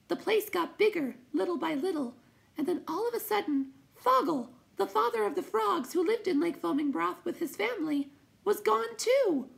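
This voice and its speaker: A man reading aloud, voicing a jittery little will-o'-the-wisp in a high, creaky voice. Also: full character voice. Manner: high, rapid, excitable. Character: jittery will-o'-the-wisp, a tiny bouncing light spirit.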